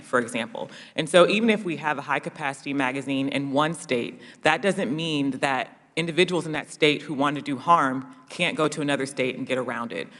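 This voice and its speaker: A man giving formal testimony as an expert witness, explaining an argument in a measured way. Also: on the high side, fairly bright tone. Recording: reverberant sound.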